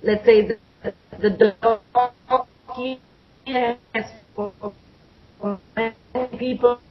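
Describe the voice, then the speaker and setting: A woman speaks haltingly as her call connection breaks up, words dropping out mid-sentence. Her voice is breathy and husky. The line sounds dull and lo-fi, like a muffled remote call. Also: fairly high pitch, flat delivery, soft background music. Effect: call audio breaking up and dropping out. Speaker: animal shelter representative, interview guest. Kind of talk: phone-in radio interview.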